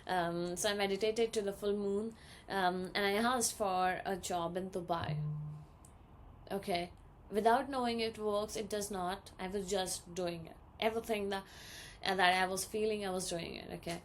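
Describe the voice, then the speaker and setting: A young woman with an Indian English accent, chatting casually in a storytime vlog, acting out quoted lines in a higher voice. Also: steady tone, moderate pace, a little hiss or hum. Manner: chatty, many ums, acts out quoted dialogue in a higher voice. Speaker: vlogger.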